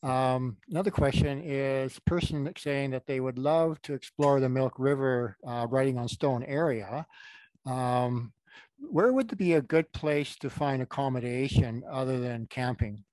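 A man's voice: mid-range voice, unhurried, a little mellow, dry recording, low-quality recording. Dry-sounding man moderating questions. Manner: brief, reads questions aloud from the chat. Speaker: moderator reading chat questions.

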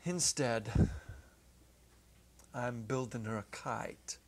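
This middle-aged male reader has a husky voice pitched in the mid range. Reading a story with theatrical flair, he shifts from hushed to emphatic and pauses deliberately. The setting is an indoor stage where he sits at a music stand, recorded through a lapel clip-on mic.

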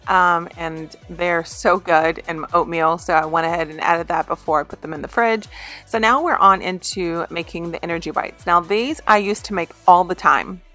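A woman in her thirties, a home vlogger, chats casually in a voice-over about her meal prep, stumbling through lots of ums and restarts. Her voice is fairly low and has a sharp edge.

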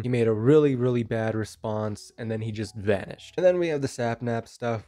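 A young man in his twenties, nasal from a cold, speaks at medium pitch with a darkish tone on a dry recording. He's a commentary YouTuber offering blunt, casual drama commentary into a handheld mic in a small bedroom.

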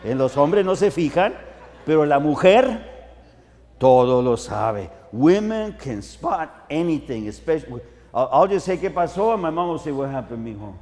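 A man's voice: fairly high pitch, big pitch swings, measured pace, a little mellow. A middle-aged male pastor giving a humorous bilingual sermon, telling stories in the manner of a preacher. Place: large conference hall. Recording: long hall reverb.

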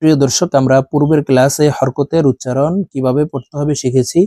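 A man teaching Quran reading in a Bengali lesson, moving between brisk explanations and slow, drawn-out chanting of letter and vowel drills. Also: mid-range voice, fairly even intonation, mellow, dry recording. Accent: Bangladeshi Bengali.

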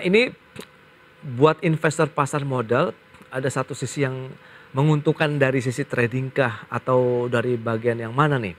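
A polished male TV business anchor. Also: medium pitch. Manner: polished, affirming, frequent acknowledgments. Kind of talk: live TV interview hosting. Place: TV studio.

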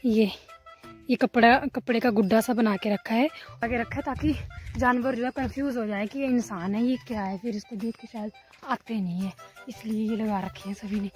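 Walking outdoors through village fields and around her home, a young Himachali vlogger talks casually and playfully to her audience on a handheld phone. Her slightly high, somewhat mellow voice holds a steady tone at a moderate pace, with soft music in the background.

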